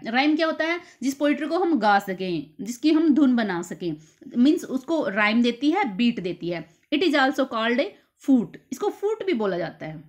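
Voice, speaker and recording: A woman teacher explaining literature terms for an exam, slowly repeating key terms. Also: a little high. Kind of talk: exam-prep lecture.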